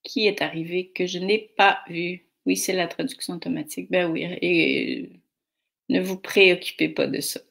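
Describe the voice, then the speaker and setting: A woman's voice: lowish voice, steady tone, gravelly. A middle-aged woman with a Québécois French accent, hosting a live stream and chatting casually as she greets viewers by name from the comments. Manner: slow, warm greetings read from comments.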